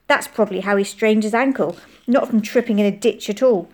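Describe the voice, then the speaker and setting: A woman voicing an excitable young boy who is eager and easily frightened, talking in breathless exclamations. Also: medium pitch, fairly quick, close to an everyday voice. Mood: excited.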